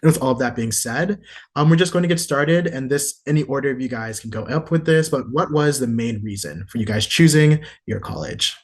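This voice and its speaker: A man hosts an online panel, his husky voice moving quickly through introductions and instructions. He keeps an organized, upbeat tone. The sound is that of a video call. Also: medium pitch. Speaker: webinar moderator.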